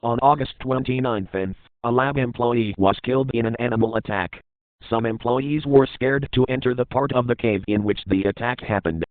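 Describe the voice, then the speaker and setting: Speaking at an average pitch with a steady tone and normal speed, a man narrates a scripted horror story styled as a documentary report. The audio is thin and narrow, phone-like, with almost no room sound and no echo.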